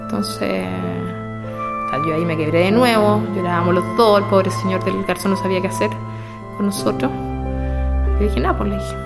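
Gravelly Chilean woman telling her story. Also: mid-range voice, normal speed. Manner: emotional, retells dialogue at length. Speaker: interviewee. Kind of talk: personal storytelling. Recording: clear music playing behind.

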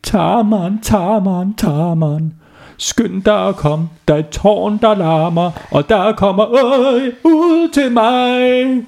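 A man voicing a panicked woman shouting for help on the phone in a children's story. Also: very high voice, steady tone, creaky, voice pushed up. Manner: frantic, shouting.

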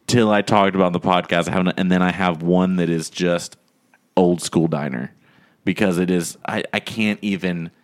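A man's voice: deep voice, moderate pace. A man hosting a podcast, telling a long anecdote in casual chat and acting out the people in it. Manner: animated storyteller, acts out quoted voices. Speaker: podcast host.

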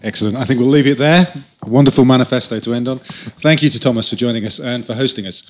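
A man's voice: medium pitch, fast talker, slight background noise. A man hosting a podcast, chatting wryly and telling anecdotes about his family. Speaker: podcast host. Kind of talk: casual interview chat.

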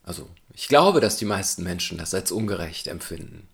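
A man's voice: sits low, big pitch swings, brisk, creaky, a bit bright. A man giving a reflective spoken essay in a thoughtful, questioning, argumentative way.

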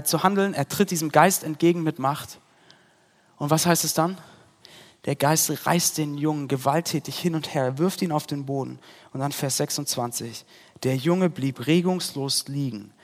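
A man preaching a sermon in an earnest way, his voice rising on quoted prayers and dropping low at the ends of thoughts. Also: long reverb tail.

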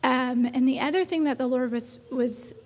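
A woman's voice: sits high, moderate pace. A woman in her thirties speaking on a church panel in a chatty, encouraging way, laughing often. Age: 30s. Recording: long hall reverb.

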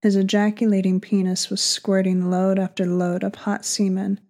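A woman author reading her erotic story aloud slowly and sultrily, sometimes dropping into a breathy whisper. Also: mid-range voice, little pitch movement, a little mellow. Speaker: author and co-host.

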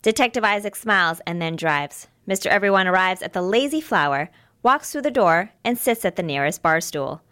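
A woman's voice: medium pitch, animated, brisk, fairly bright tone. A woman narrating an amateur audio drama in a plain, matter-of-fact way.

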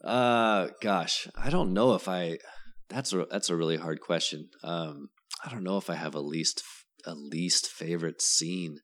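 Low-voiced man gushing about a favorite film. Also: measured pace, a bit bright. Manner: rambling, fond, self-deprecating. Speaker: podcast guest. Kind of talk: casual podcast chat about a movie.

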